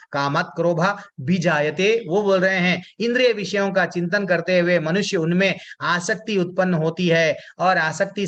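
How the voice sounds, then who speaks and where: High bright-voiced man teaching scripture. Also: highs cut off. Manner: asks the class rhetorical questions and answers them; chants Sanskrit verses, then explains them. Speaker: Gita study class teacher. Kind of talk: devotional scripture class.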